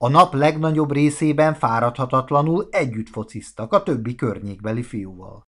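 A male narrator reads a children's storybook with animated, expressive delivery. His voice sits at an ordinary middle pitch but swings widely, rising and falling in a lively melody. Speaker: audiobook narrator.

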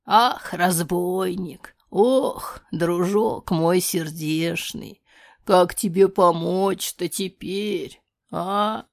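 A woman voicing a kind but fretful old grandmother witch in a storybook, slow and lamenting. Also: mid-range voice, steady tone, fairly bright tone, dry recording, clean studio sound, close to an everyday voice. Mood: mournful. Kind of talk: storybook character voice.

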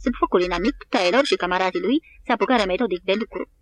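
A woman narrating an audiobook in a steady, even reading style. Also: mid-range voice. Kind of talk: scripted narration.

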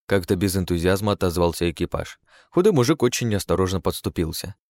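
Low-voiced wry male narrator. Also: fast, darkish tone, no room sound. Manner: wry, sardonic asides. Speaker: audiobook narrator. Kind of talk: first-person fantasy narration.

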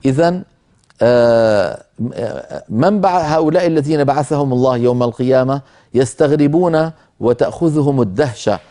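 On a televised tajweed lesson, a male Quran recitation teacher and program host speaks in a mellow, medium-pitched voice. He is measured and explanatory, pausing to demonstrate recitation slowly.

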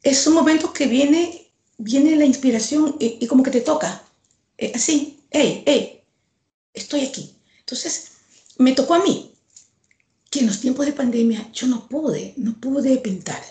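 An Ecuadorian painter answers interview questions in a high, mellow, unhurried voice. Earnest and reflective, she repeats herself for emphasis in a conversational exchange recorded in an echoey room.

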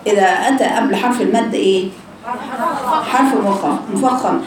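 A woman with an Egyptian Arabic accent teaches Quran recitation to a class of girls, repeating sounds over and over and quizzing them. Her mid-range voice is fairly quick, with background noise, in an echoey room far from the mic.

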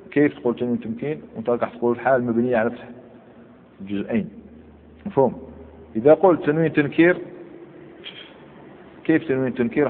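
A man teaching a classroom grammar lesson, explaining step by step and quizzing his students with short questions. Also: medium pitch. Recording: phone-like tinny recording with long hall reverb and faint hiss.

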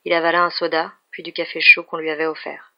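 Woman reading a novel aloud, gravelly and pretty flat, muffled lo-fi sound. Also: low voice, quick pace. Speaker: reader. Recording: dull lo-fi recording.

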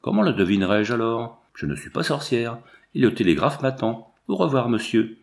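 Male reader doing a quick-witted young woman, teasing and mystical, gravelly read. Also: medium pitch. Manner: teasing, lively retorts.

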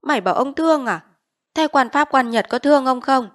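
A woman's voice: high-pitched, expressive, fairly quick, pitched above the performer's own voice. A woman voicing a brutal, bullying male village chief in an audiobook reading, barking orders and threats. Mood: mocking.

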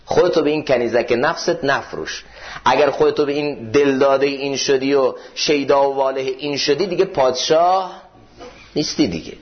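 A man preaching a sermon in a mosque, explaining classical poetry with emphatic repeated parallel phrases. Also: fairly high pitch. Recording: dull muffled recording.

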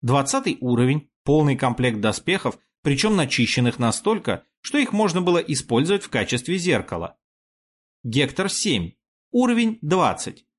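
Husky man narrating an audiobook. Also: a little high, moderate pace. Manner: wry, expressive storytelling. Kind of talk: first-person audiobook narration.

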